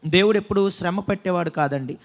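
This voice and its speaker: High-voiced man preaching a sermon. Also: quick pace. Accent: Telugu. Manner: preaching with call-and-response scripture reading. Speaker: pastor. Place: church hall.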